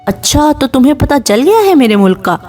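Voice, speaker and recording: A woman voicing a persistent young man on the phone who talks in a calm, coaxing way. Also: high voice, recorded from a distance, faint music behind, pitched above the performer's own voice. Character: persistent young man caller, smooth and insistent.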